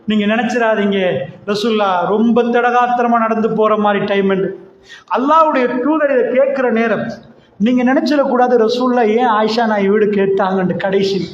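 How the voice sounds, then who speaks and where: Fervent male preacher, very high pitch, dull lo-fi recording. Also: slight background noise. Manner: impassioned, often shouting. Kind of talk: Islamic sermon. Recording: echoey, dull lo-fi sound.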